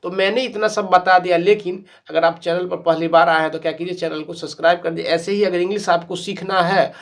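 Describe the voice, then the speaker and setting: Rich: A man with a fairly high voice teaches English spelling rules in an online lesson. He spells each word out letter by letter, asks a question, then answers it himself. He keeps coming back to the same points. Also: fairly even intonation, brisk, gravelly. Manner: calls viewers "my dear friends".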